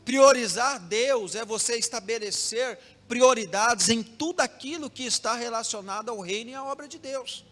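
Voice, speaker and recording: In a church hall, a young Brazilian pastor delivers a sermon built around a story, using rhythmic repetition and speaking straight to his congregation. His very high, fairly bright voice moves at normal speed with hardly any pauses, and the recording carries long reverb with music behind it.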